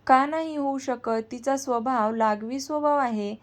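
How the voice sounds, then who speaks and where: A woman voicing a gentle, wise middle-aged aunt who soothes and gently scolds her nephew. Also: high voice, a little slow. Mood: scolding.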